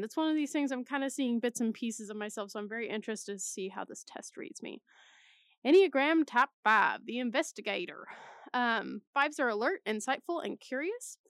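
A woman's voice: fairly high pitch, dry recording, clean studio sound. A young woman in college reading personality test results aloud in a casual way, with chatty, self-mocking asides. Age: young adult. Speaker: vlogger.

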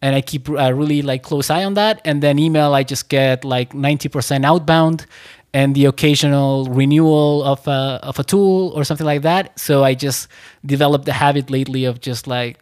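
A man hosting a podcast interview, friendly and loose in his phrasing, and quick to laugh along. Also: medium pitch, steady tone, darkish tone. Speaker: podcast host.

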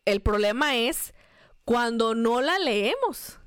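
Clear-voiced woman reading scripture earnestly. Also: on the high side, lively intonation, slow, no echo, studio quality. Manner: earnest, preacherly. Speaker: podcast co-host.

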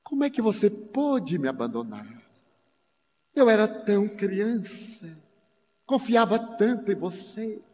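A man voicing a blind woman singer who cannot forgive, speaking low and hushed. Long hall reverb. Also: very animated, slow pace, heavily acted. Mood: pleading.

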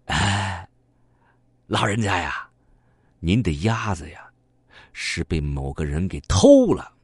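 A man's voice: big pitch swings, slow, slightly rough, no echo, clean studio sound, heavily acted. A man voicing a whiny male duck thief who yelps and pleads. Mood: wheedling. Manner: high yelping wails and wheedling.

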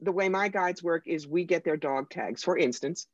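An American psychic medium talks in an animated, emphatic way with a dry wit. The voice sits in the middle register. The sound is dry and slightly dull, like a modest lo-fi recording. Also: mid-range voice, normal speed, no room sound. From United States. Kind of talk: conversational interview storytelling.

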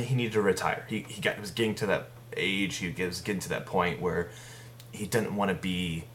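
Brief: male podcast co-host, low voice, playful casual chat. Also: a bit bright, slight background noise. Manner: jokey, laughs often.

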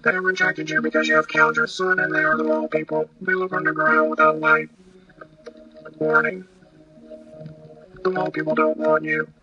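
A man voicing an eerie male messenger who gives flat, whispery, repetitive warnings, on a dull lo-fi recording. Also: fairly high pitch, moderate pace, long pauses, loud music behind the voice, close to an everyday voice. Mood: ominous.

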